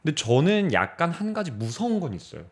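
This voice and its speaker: A young man co-hosting a podcast, talking through ideas on literature in a thoughtful, measured way with pauses. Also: fairly high pitch, sing-song. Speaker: podcast co-host. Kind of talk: casual discussion of literature.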